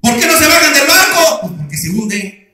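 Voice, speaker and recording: A man's voice: very high-pitched, big pitch swings, moderate pace, sharp tone. A male pastor preaching a sermon, putting questions to the congregation and answering them himself. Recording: very echoey room.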